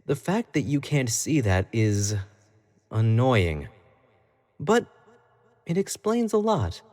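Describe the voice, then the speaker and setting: He sounds scornful, his medium-pitched voice sing-song, slightly mellow, and unhurried. The performance is a dramatic roleplay monologue in which a man voices an obsessive, jealous young pop idol, speaking intimately and shifting between sweet pleading and cold condescension.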